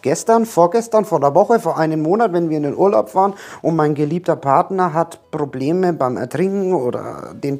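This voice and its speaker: A man's voice: on the high side, a little mellow, breathy edge. A man giving a motivational self-help monologue, talking earnestly and directly to the viewer and repeating his points. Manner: earnest, repetitive, speaks straight to the viewer.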